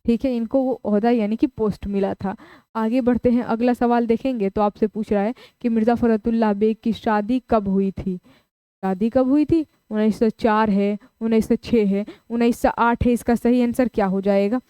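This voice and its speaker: A woman teacher runs a live exam-prep class, reading through options and repeating each answer to drill it in. Her voice sits somewhat high but is mellow and smooth. The sound is dry and close. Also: fairly even intonation, moderate pace, dry recording. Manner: prompts students to answer in the chat.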